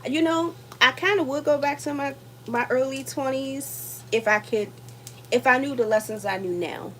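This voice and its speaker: A woman in her thirties chats casually to her viewers while cooking in her home kitchen, with food sizzling in a pan behind her. Her voice sits high and is a bit bright, at normal speed. She rambles with lots of fillers and sounds tired and worn out.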